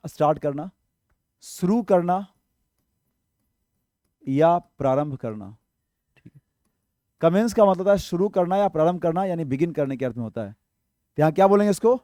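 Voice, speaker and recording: A man's voice: high voice, warm tone, no room sound, clean studio sound. A man teaching English vocabulary in an online exam-prep lesson, explaining patiently, asking rhetorical questions and checking in often.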